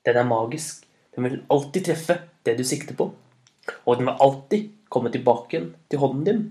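A man doing a booming, jolly thunder god. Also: lightly acted. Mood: encouraging. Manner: hearty, loud, laughing shouts. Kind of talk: storybook narration.

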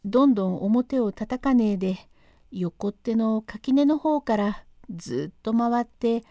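Brief: a woman playing a breathless country manservant in a storytelling reading, mellow, dry close sound, urgent tattling in broad dialect. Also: on the high side, animated, unhurried, dry recording. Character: rustic middle-aged male servant, excitable tattler. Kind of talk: reading a classic rakugo transcript aloud.

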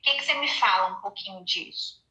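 A woman's voice: mid-range voice, fairly quick, bright, forceful tone, lo-fi sound. A woman hosting a casual interview, hesitant, with many fillers and tag questions. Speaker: host. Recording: echoey room.

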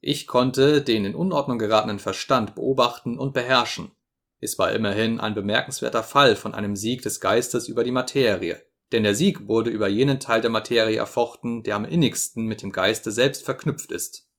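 A man's voice: on the low side, normal speed, a bit bright. A man reading as a pompous old professor. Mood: lecturing. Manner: grandiloquent, lecturing. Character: pompous, self-satisfied elderly male professor.

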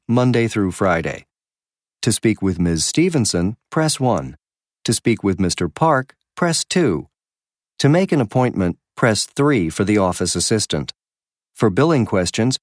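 A man playing the formal recorded greeting of an office phone menu, measured and clearly enunciated. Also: fairly low pitch, no room sound, studio quality.

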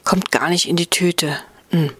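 A woman's voice: on the low side, steady tone, measured pace, a bit bright, breathy edge, no echo. A woman voicing a jolly, teasing male marmot from the Swiss mountains in a storybook reading, recorded dry and close. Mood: jovial. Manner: playful, teasing, fond of food and fun.

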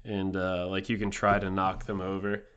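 A man's voice: low voice, completely flat delivery, moderate pace, a bit bright, clear, resonant tone, lo-fi sound. A man with a New Jersey accent hosting a comedy podcast, talking hesitantly with lots of fillers. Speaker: podcast host.

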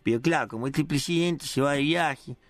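A man's voice: fairly high pitch, moderate pace, no echo, soft background music, natural voice. A man doing Palito, a rowdy slangy hothead. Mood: ranting. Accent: Rioplatense Spanish. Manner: rambling, indignant, slangy rant. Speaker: radio comedy character.

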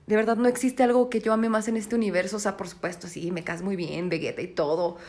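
A young Mexican woman hosting a solo podcast, out of breath as she paces, talking in an excitable, profane rush that swings from shrieks to hushed asides. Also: mid-range voice, quick pace. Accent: Mexican Spanish. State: out of breath, pacing. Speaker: podcast host.

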